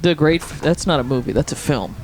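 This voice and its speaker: A man's voice: fairly high pitch, brisk, a little mellow, slight background noise, poor audio. A young man co-hosting a podcast in casual chat, wry and teasing, laughing easily. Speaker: podcast co-host.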